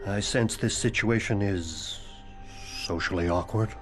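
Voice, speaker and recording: Unhurried and fairly low in pitch, a male actor gives voice to a deceased male headmaster's ghost during a game cutscene backed by music. The tone stays formal, wry and morbidly deadpan, now and then slipping into a whisper.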